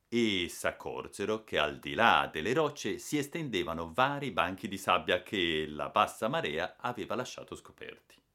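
Brief: male audiobook narrator, lively and dramatic delivery, crisp bright tone. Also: low voice. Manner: vivid, expressive storytelling.

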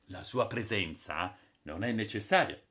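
A man's voice: lowish voice, expressive, unhurried, fairly bright tone. A man voicing a confident guide who explains a future world to visitors, assured and explanatory. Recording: roomy echo.

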